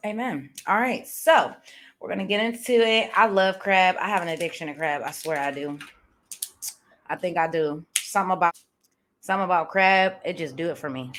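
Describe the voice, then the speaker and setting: A woman hosting a mukbang, chatting casually and relaxed between bites while she eats. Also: fairly low pitch, moderate pace. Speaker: mukbang host.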